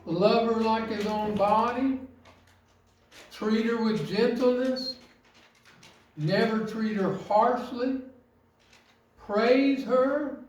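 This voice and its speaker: A man delivers a sermon in a high, unhurried voice, leaning on rhetorical questions and emphatic phrasing. He stands some distance from the mic. The heavy echo of a church hall surrounds every word. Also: a little hiss or hum. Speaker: preacher. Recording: very echoey, from off mic.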